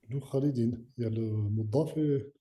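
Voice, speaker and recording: An adult man answers his teacher in a one-on-one language lesson. His replies are brief and hesitant, in a very dark, mellow voice. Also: mid-range voice, moderate pace. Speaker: adult student.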